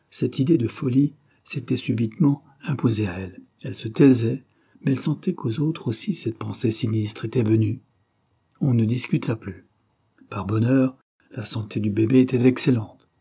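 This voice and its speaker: A man narrating an audiobook of a classic novel in a measured, literary way. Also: medium pitch, dark tone, husky.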